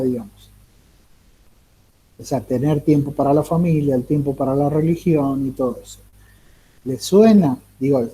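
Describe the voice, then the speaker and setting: A man lecturing a class, halting and repeating words, often asking the listeners rhetorical questions. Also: on the high side, mellow, a little hiss or hum. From Argentina. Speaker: teacher.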